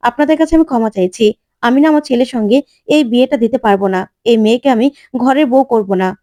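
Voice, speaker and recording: A woman voicing a superstitious middle-aged mother who flatly refuses a marriage. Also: fairly high pitch, fast, dry recording, natural voice. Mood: refusing.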